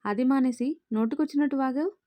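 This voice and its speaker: A commanding, short-tempered young boss from a spoken storybook, read by a woman. The tone is mellow and dry, at a fairly high pitch. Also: quick pace, dry recording, natural voice. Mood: stern. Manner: commanding, scolding.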